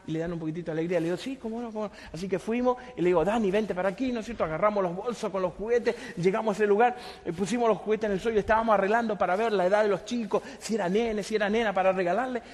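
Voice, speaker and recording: Rich: A male pastor with a very high voice preaches in a big hall, and long reverb trails his words. He tells his story, then rises to shouted, emphatic lines and asks the crowd rhetorical questions. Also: rapid-fire. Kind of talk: sermon.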